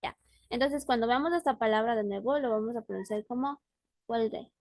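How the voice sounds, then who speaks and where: A woman's voice: on the high side, fast talker, dry recording. A woman teaching a language class on a video call, explaining words patiently and often checking in with her student. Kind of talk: online class.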